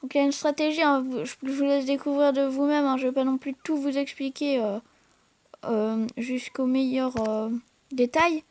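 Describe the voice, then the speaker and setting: A woman hosts a gaming channel, chatting directly to viewers as she plays and giving gameplay commentary. Her voice is high with a darkish tone, a steady delivery, and normal speed, though she hesitates with many fillers and restarts.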